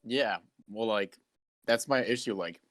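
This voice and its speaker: A man's voice: on the low side, a little slow, a loud crowd. A man co-hosting a podcast over a voice call, talking hesitantly with many fillers and giggling. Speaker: podcast host. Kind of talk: casual chat. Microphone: computer mic on a voice call.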